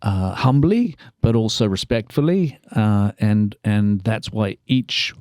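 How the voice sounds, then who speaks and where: Earnest New man, low voice. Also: lively intonation, slow, darkish tone, dry recording, studio quality. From New Zealand. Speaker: group leader, singer. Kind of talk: casual interview chat. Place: theatre venue.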